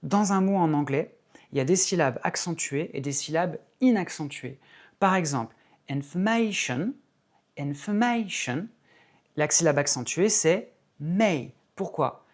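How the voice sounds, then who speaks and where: Woman, deep voice for a woman, English teacher, patient, clear explanations, repeats words for emphasis. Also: moderate pace, darkish tone. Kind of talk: explanatory video lesson.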